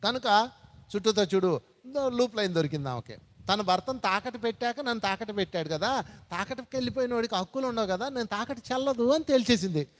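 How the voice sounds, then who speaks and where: A man's voice: high voice, expressive, quick pace. A man giving a spiritual satsang talk, telling stories and repeating phrases for emphasis. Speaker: spiritual speaker. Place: large meditation hall. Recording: reverberant hall.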